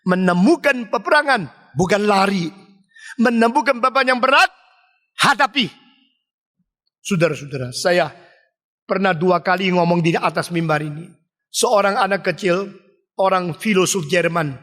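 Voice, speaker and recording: A man pastor preaching from a pulpit in a large church, emphatic and dramatic, slowing for repeated refrains. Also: high voice, animated, a bit bright. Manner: emphatic preaching with dramatic swings and slowed repetitions. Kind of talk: sermon. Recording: long reverb of a large hall.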